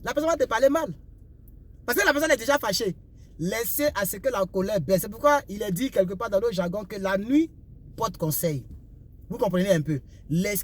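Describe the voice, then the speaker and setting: A young man from Ivory Coast with an Ivorian French accent, giving repetitive, preachy life advice in a casual talk while driving his car. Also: high voice. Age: young adult. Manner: repetitive, preachy, asks "vous comprenez un peu?". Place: inside a car on the road. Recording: faint road and car noise.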